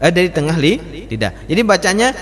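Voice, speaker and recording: Male recitation teacher, high animated voice, long hall reverb. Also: fast. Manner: addresses class as Pak, demonstrates letter sounds repeatedly. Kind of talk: mosque study class. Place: mosque hall.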